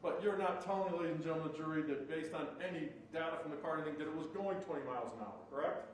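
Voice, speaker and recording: A man's voice: fairly high pitch, very fast. A man in a courtroom recording, questioning a witness with leading questions that end in "correct?". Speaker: defense attorney. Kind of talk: courtroom cross-examination. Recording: echoey courtroom, distant mic, faint noise.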